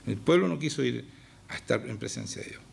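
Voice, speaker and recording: Gravelly Chilean pastor preaching. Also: male voice, mid-range voice, lively intonation, fairly quick. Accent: Chilean Spanish. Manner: emphatic, keeps questioning the congregation. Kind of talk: sermon.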